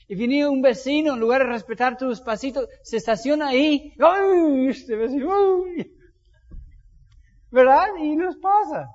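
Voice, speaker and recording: High-voiced pastor preaching in a hall. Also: male voice. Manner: animated, anecdotal storytelling. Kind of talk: sermon. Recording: dull lo-fi sound with long hall reverb.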